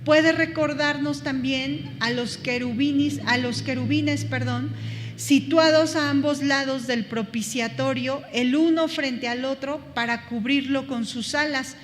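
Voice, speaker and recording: A woman's voice: sits high, steady tone, unhurried, in a large hall, slight background noise. A woman teaching a Bible study class, thinking aloud with many fillers and restarts.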